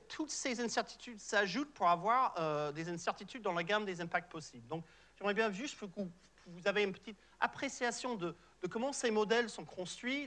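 A fairly bright, high-sitting voice comes from a middle-aged man from Canada giving a popular science talk in a large auditorium. A researcher and native English speaker with an English-Canadian accent, he explains patiently while often using fillers and restarting.

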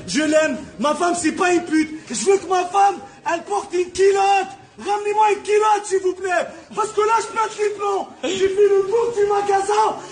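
Outraged man, very high strained voice, yelling in an echoey store with people around. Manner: outraged, shouting. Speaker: angry shopper. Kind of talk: shouted rant.

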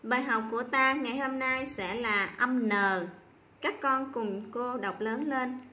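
A woman teacher giving a slow, patient spelling lesson to young children, repeating each sound clearly. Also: fairly high pitch, sharp tone, roomy sound. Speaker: primary school teacher.

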